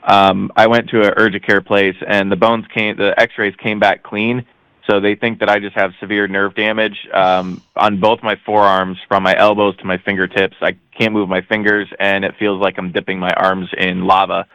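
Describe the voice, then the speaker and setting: Man calling in on speakerphone, smooth-voiced. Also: fairly low pitch, level tone, normal speed, fairly bright tone, no echo. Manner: hesitant, with frequent ums and restarts. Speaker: radio show caller. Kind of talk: casual call-in chat. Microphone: phone on speaker. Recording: dull lo-fi phone line.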